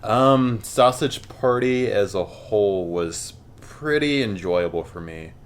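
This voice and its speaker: A man giving a relaxed, hesitant film review on a podcast, with many fillers. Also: lowish voice, slow. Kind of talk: casual film review chat.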